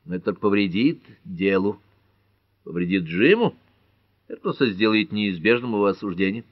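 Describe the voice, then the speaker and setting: A stubborn, guarded detective, as a male narrator reads him, only a little above the narrator's own low voice. He talks with lively rises and falls, and the audiobook recording is dry and dull. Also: moderate pace, no room sound, lightly acted. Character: guarded amateur detective man. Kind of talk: audiobook character voice.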